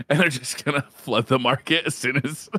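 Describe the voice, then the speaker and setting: A man's voice: medium pitch, fairly even intonation, normal speed, pushed and bright, breathy edge, no echo. A man co-hosting a casual podcast, jokey and laughing at his own quips. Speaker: podcast co-host.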